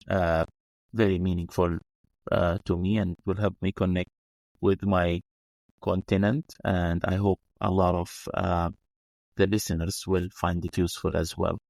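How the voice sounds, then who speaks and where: Low gravelly-voiced man hosting. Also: darkish tone, dry recording. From Sudan. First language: Arabic. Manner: speaks in short phrases with frequent "uh" pauses. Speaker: podcast host. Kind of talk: casual podcast introduction.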